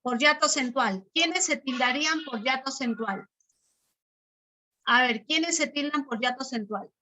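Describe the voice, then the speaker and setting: A woman teacher, her voice high and bright. She works through the lesson step by step and repeats the key terms. She keeps checking in with her class through short questions. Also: measured pace, rough recording.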